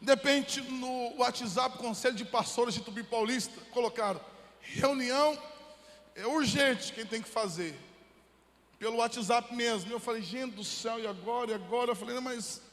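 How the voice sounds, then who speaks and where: A man's voice: very high voice, normal speed, a bit bright. A man from the interior of São Paulo, Brazil, a pastor telling a personal story in his sermon and rising into fervent preaching. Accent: Brazilian Portuguese, São Paulo interior. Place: church hall. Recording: long hall reverb from the church.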